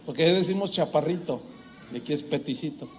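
A man with a Mexican accent, a pastor preaching a sermon in church, telling a personal story in an animated way with humorous asides. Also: fairly high pitch, moderate pace.

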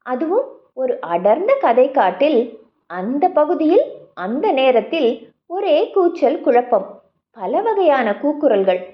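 Animated woman reading a children's story. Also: sits high, takes it slowly, long pauses, dull audio. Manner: animated, questioning the young listener. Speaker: audiobook narrator.

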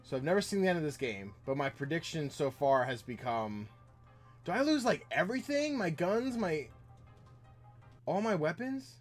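A man's voice: fairly high pitch, very animated, normal speed, faint music behind. A man streaming a video game, chatting casually with viewers as he plays. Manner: rambling, chatting with viewers while playing. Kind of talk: casual gameplay chat.

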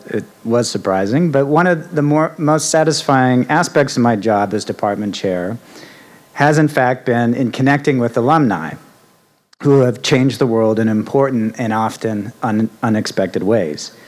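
Middle-pitched man at an outdoor podium mic, halting formal introduction. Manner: halting, with fillers and restarts, reading a list. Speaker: department chair introducing the speaker. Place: outdoor university ceremony stage. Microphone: podium mic on stand.

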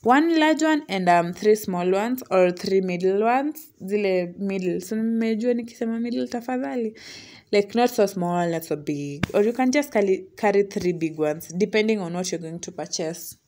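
A woman's voice: mid-range voice, normal speed, mellow. Chatty young Kenyan woman vlogger. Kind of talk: casual vlog voice-over mixing English and Swahili slang.

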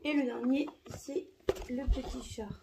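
A woman giving casual unboxing commentary in a halting, soft-spoken way, with many fillers and repeated words. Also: sits high, steady tone, creaky, heavy background noise. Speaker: vlogger.

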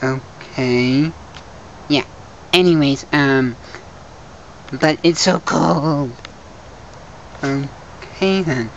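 A woman with a lowish voice, speaking slowly in a homemade plush toy show. She hesitates often and fills gaps with ums. A faint hiss sits under the recording. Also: highs cut off. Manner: hesitant, many fillers. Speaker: show maker voicing toys.

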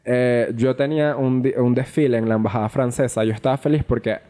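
A young man, co-hosting a podcast and telling a personal story in a casual, animated, swear-filled way. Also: mid-range voice, brisk. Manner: animated, profane, acts out quoted dialogue. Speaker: podcast co-host.

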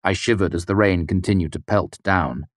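A man narrating a fantasy novel in the first person, with a measured storytelling delivery. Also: deep voice, no room sound, studio quality. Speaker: audiobook narrator.

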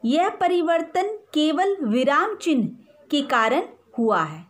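Slow, lively-pitched woman teacher. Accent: Indian. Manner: slow, deliberate explanation for young children. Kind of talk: recorded online grammar lesson.

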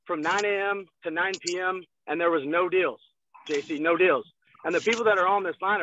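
A man in his twenties giving an energetic motivational sales talk from a car, heard over a video call. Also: sits high, dry recording. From Texas. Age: 20s. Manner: energetic, gestures a lot, repeats phrases. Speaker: guest salesman. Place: in a parked car. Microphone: phone on a video call. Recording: thin phone-like video call audio.

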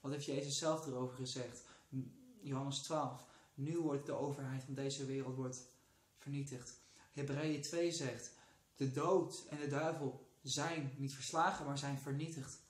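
A man's voice: medium pitch, steady tone, unhurried, reverberant. A man with a Dutch accent speaking in a casual devotional vlog from his couch, fervent and often bursting into praise. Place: sitting on a couch indoors.

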